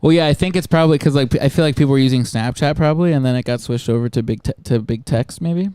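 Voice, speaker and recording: A man chatting casually on a podcast, a halting, hesitant storyteller. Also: medium pitch, dark tone, clean tone, dry recording. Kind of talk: casual chat.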